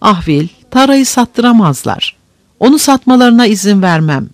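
A man's voice: high-pitched, very animated, normal speed, slight background noise, voice pushed up. A man reading a fiery young plantation woman. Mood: anguished. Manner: exclaiming, anguished.

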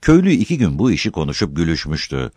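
Deep-voiced male audiobook narrator. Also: wildly swooping pitch, fast talker, darkish tone, no echo. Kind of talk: scripted narration.

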